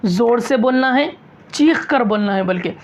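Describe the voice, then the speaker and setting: In a classroom tajweed lesson with slight background noise, a woman teaches recitation at a moderate pace, her voice a little high and expressive. She goes over each point again and again, asking her own questions and answering them.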